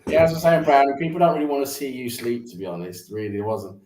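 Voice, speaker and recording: A man's voice: mid-range voice, lively intonation, quick pace, roomy sound, background noise. A man chatting casually and asking lots of follow-up questions. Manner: curious, asks many follow-up questions. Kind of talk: casual chat.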